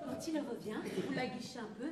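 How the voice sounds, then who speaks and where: A woman's voice: high-pitched, brisk, very noisy, close to an everyday voice. An actress playing a scheming, bossy woman in a live stage comedy, with brassy, commanding delivery. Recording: roomy stage recording from far off, loud audience laughter.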